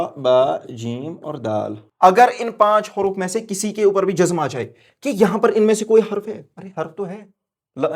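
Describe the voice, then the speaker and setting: A man teaching recitation rules in a classroom-style lesson, quizzing himself and answering, spelling out letters slowly and raising his voice to stress a rule. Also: high voice. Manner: asks questions and answers them himself, drills letters slowly; switches between quiet explaining and loud emphatic stress. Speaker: tajweed teacher.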